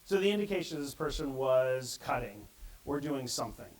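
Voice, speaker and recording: A man's voice: medium pitch, lively intonation, brisk, poor audio. A middle-aged man giving a conversational conference talk and acting out the quotes he reads. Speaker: conference speaker.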